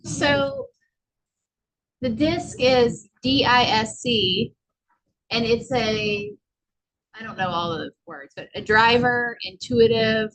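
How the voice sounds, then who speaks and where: A woman's voice: a little high, slow, pauses often, a bit bright, low-quality recording. A woman presenting a casual office training session, talking loosely and rambling with many fillers. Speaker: workshop presenter.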